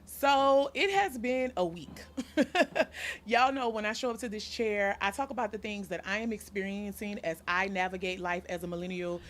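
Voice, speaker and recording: A woman's voice: medium pitch, fairly bright tone. Earnest woman podcast host. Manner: earnest, deliberate, heartfelt. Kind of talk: scripted podcast monologue.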